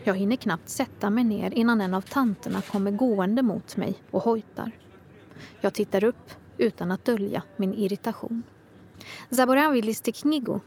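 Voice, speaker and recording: Gravelly-voiced woman reading reflective prose. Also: medium pitch, darkish tone. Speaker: reader of her own prose. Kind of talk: literary first-person reading.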